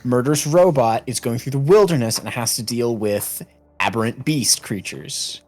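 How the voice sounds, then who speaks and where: A man's voice: mid-range voice, moderate pace, a little mellow. A man playing in a tabletop game, joking and agreeable in casual chat. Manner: jokey, agreeable. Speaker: player.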